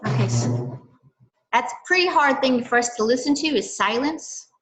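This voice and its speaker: This older woman runs a library science program for kids, gently walking through each step, checking in with "okay" and "right," and reading aloud from a storybook. Her bright, fairly high voice swoops wildly in pitch at a moderate pace, on a rough recording.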